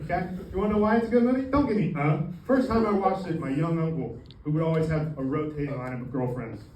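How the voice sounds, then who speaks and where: A man's voice: fairly high pitch, mellow. A young man doing a stand-up comedy set, with crude, mock-angry punchlines that escalate. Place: comedy club stage with audience laughing. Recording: echoey club, distant mic, noisy room.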